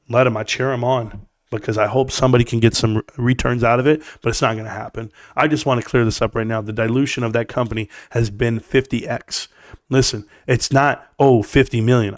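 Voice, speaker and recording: A middle-aged stock market live streamer with a scratchy, medium-pitched voice rants to his viewers, blunt, emphatic and opinionated, talking straight to the chat. The recording is dry and studio-clean.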